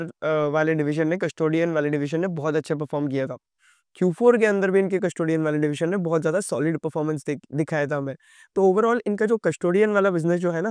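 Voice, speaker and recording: Fast, crisp-voiced man explaining finance. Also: fairly high pitch, a little mellow, no room sound, clean studio sound. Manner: conversational, addresses viewer directly. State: sore throat. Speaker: stock market educator.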